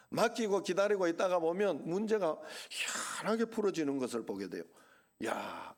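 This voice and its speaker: A man's voice: sits high, a little mellow. A middle-aged male pastor with a Gyeongsang accent, preaching a Sunday sermon in a conversational way, full of rhetorical questions and asides. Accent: Gyeongsang Korean.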